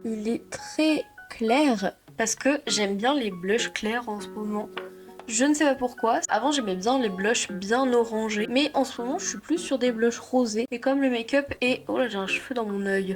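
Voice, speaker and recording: A woman's voice: a little high, a little mellow. A woman from France chatting casually through a makeup tutorial, with self-mocking asides. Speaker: makeup vlogger. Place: home room at a desk.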